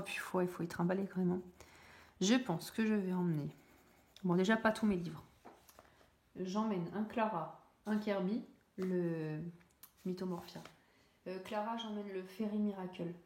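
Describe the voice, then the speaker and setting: A woman's voice: on the low side, dark tone. Young woman hobby vlogger, chatty and rambling, recorded in a roomy, echoey space. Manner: rambling, many fillers and self-corrections, laughs at herself. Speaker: coloring YouTuber. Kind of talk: casual chat while coloring.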